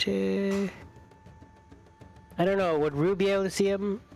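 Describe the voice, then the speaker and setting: Wry woman at a tabletop game, mid-pitched. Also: steady tone, measured pace, gravelly, darkish tone, soft background music. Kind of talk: casual game table chat.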